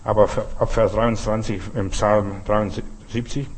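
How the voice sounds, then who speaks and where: Male preacher, sermon, husky voice, emphatic, repeats key phrases, addresses listeners directly. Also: on the low side, little pitch movement, measured pace. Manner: ends in quiet prayer.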